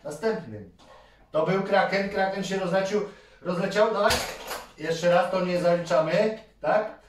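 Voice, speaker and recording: A man, a father and channel host, giving energetic, cheering toy-game commentary for kids and counting down each try. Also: sits high, unhurried. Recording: roomy, distant mic, faint noise.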